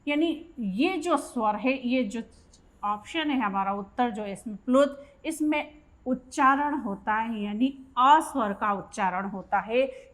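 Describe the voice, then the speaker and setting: A woman with a slightly high voice teaches a Hindi grammar lesson for exam preparation. She reads each question aloud and explains the answer step by step.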